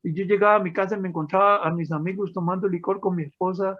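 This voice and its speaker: A man tells his life story to a gathered audience. He speaks with feeling and often turns to his listeners as friends. His voice sits high, and the recording sounds dull and lo-fi. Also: fairly even intonation, fast. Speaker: testimony speaker. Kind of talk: personal testimony to an audience.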